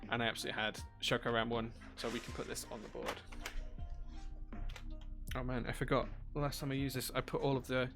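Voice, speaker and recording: A man's voice: mid-range voice, flat delivery, fairly quick, creaky, music in the background. A man hosting a live stream, chatting casually, reading out viewer chat and thanking people as he works. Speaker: livestream host building keyboards.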